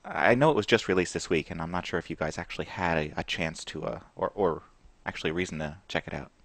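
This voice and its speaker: A man hosts a casual gaming podcast with a very deep voice. He rambles, stumbling over restarts and fillers. The recording is dry and close. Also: quick pace, vocal fry, a bit bright, no echo. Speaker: podcast host. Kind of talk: casual chat.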